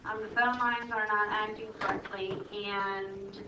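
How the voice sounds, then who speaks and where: A woman's voice: medium pitch, flat delivery, heavy background noise. Woman's announcement over a school intercom. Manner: halting announcement with fillers. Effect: heard over a school intercom loudspeaker. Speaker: school staff member making an announcement. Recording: echoey, muffled loudspeaker picked up from far off.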